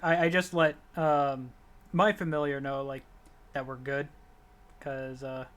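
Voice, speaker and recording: A man's voice: mid-range voice, level tone, measured pace, a bit bright, clean tone. A man talking casually as a player in a tabletop role-playing game.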